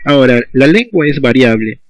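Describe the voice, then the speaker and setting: A man's voice: medium pitch, animated, moderate pace, dry recording, rough recording. A man teaching a school language lesson, explaining patiently and often checking in with his students.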